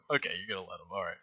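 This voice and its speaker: A man's voice: low-pitched, muffled recording. A man narrating as game master in a tabletop game, loose and rambling, often breaking into laughter.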